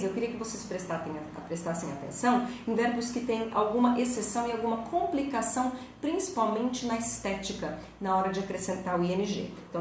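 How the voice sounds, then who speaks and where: A woman's voice: medium pitch, darkish tone. Brazilian woman teacher going through english grammar step by step, asks the class questions, really echoey room w a bit of hiss. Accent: Brazilian Portuguese. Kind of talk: recorded school lesson. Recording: very echoey room, faint noise.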